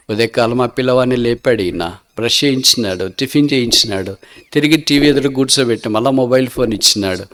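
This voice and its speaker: Animated Telugu-accented man preaching a story. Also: on the low side. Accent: Telugu, Andhra Pradesh. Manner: animated storyteller acting out dialogue, rising to loud emphatic peaks. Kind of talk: sermon storytelling.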